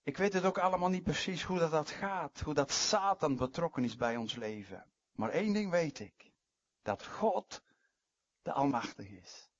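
Husky male preacher giving a sermon. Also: on the high side, lively intonation, normal speed, dry recording, highs cut off. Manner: emphatic, swinging between loud stresses and quiet asides.

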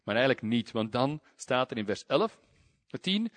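Male pastor, sermon delivery with lively emphasis, dry recording. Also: mid-range voice, moderate pace, dry recording. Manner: lively emphasis, reading scripture aloud.

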